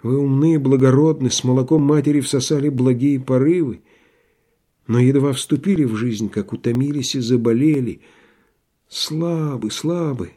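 A man's voice: mid-range voice, moderate pace, dark tone, lightly acted. A man voicing a weary, resigned middle-aged male doctor in an audiobook.

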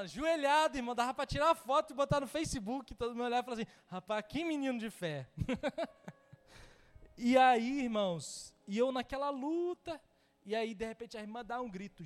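Brazilian preacher guy, real high voice, funny storytelling sermon, long reverb in the church. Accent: Brazilian Portuguese. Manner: storytelling, humorous, acts out dialogue. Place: church hall.

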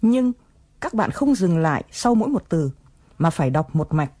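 A woman's voice: lowish voice, very animated, moderate pace, dark tone, husky. A woman presenting an English lesson, explaining phrases patiently and coaxing learners to repeat them.

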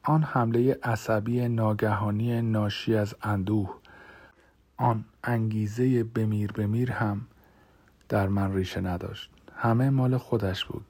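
A man narrating a first-person audiobook in a measured, dramatic way, sometimes dropping to a hush. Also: on the low side.

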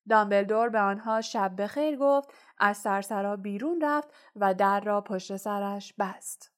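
A woman narrating a children's fantasy audiobook in a steady, even reading voice. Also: medium pitch. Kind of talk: storybook narration.

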